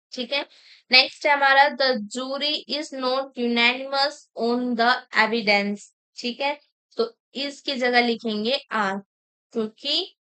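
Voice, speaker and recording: A woman teaching an exam-prep grammar lesson, slowly dictating example sentences and explaining each correction. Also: a little high, pushed and bright, clean tone, low-quality recording. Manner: mixes Hindi explanation with English sentences.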